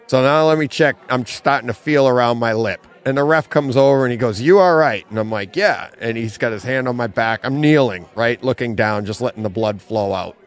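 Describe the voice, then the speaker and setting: A middle-aged man co-hosting a casual podcast from a comic bookstore, telling an animated story and laughing often. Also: medium pitch, fairly quick, few pauses. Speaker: podcast co-host.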